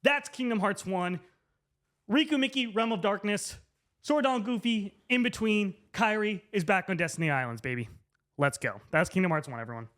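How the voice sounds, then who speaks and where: A man's voice: sits high, a little fast, fairly bright tone. A man drunkenly explaining a story to camera in a loose, slangy comedic ramble, repeating words for emphasis. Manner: emphatic, repeats names and phrases for effect. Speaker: presenter.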